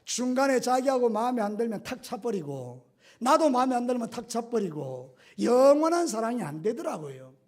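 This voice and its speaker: A middle-aged male pastor preaching a sermon with animated storytelling, acting out scenes and voices. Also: very high voice, moderate pace.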